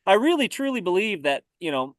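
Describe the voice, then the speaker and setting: A man talking casually about survival gear, relaxed and often repeating words as he thinks. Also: high-pitched, a little fast, no room sound. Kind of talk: casual conversation.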